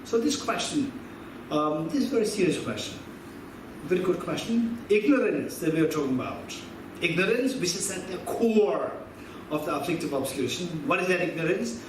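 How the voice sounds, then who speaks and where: Man, fifties, teacher quizzing an audience, repeats key points, booming hall echo, distant mic. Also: expressive, normal speed. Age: 50s. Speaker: Buddhist philosophy teacher. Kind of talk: teaching talk with audience questions. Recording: echoey hall from far off with background noise.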